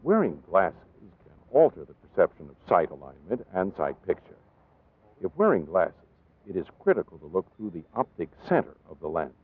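An American man delivers scripted training-film narration, measured and formal with precise enunciation. His voice is low-pitched, sing-song and slightly rough, and the audio sounds narrow and tinny.

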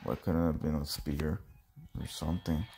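A young man with a low, gravelly voice talks slowly through his game pulls, grumbling and complaining, then breaking into sudden yells. Faint music plays under him. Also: little pitch movement. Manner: frustrated, grumbling, with sudden yelling outbursts. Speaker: gamer. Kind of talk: casual gacha pull commentary.

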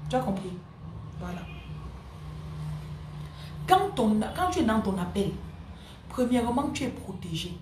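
A woman's voice: fairly high pitch, big pitch swings, unhurried, pauses often, reverberant, noisy background. A woman spiritual coach giving a live-streamed spiritual teaching, emphatic and repeating her key phrases, answering viewers' comments by name.

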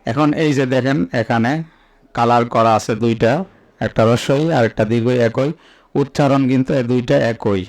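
A man teaching as he recites each item slowly and enunciates it carefully, with explanations in between. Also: mid-range voice, steady tone. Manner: slow, deliberate, enunciating each letter. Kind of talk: slow instructional recitation.

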